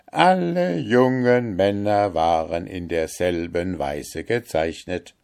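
A man reading a fairy tale aloud in a measured storytelling manner. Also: low voice, a little mellow.

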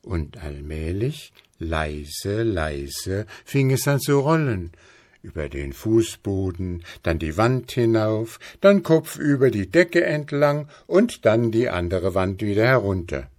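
A man with a lowish voice reads a fairy tale slowly, with lively, rising and falling pitch. The sound is close and dry. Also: no room sound. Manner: slow, expressive, lively pitch. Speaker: storyteller. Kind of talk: reading a fairy tale aloud.

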